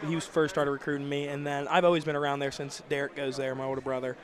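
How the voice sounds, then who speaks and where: A man's voice: medium pitch, flat delivery, quick pace. A young man, a senior basketball player, giving plain, laid-back answers in a post-game interview.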